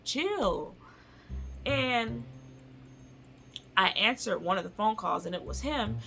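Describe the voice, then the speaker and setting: A woman's voice: medium pitch, a little slow, vocal fry, bright, forceful tone. A woman in her twenties telling an indignant storytime in a vlog, with music underneath. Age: 20s. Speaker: vlogger.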